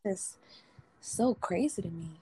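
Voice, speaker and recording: A woman's voice: mid-range voice, lively intonation, moderate pace, dark tone, husky. A woman co-hosting a casual podcast chat, reacting in a bubbly, effusive way. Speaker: podcast co-host.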